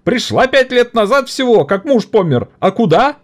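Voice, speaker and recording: A man doing a shrill worn-out factory woman. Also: big pitch swings, moderate pace. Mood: shrill outcry. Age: 20s. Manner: piercing, tearful outcry.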